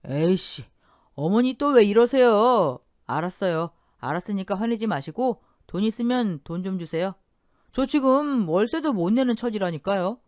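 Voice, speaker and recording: A woman voicing a greedy, quick-tempered middle-aged father who shouts and demands money in an audio drama. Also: medium pitch, animated, dry recording, studio quality, voice pushed up, lightly acted. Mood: irritable.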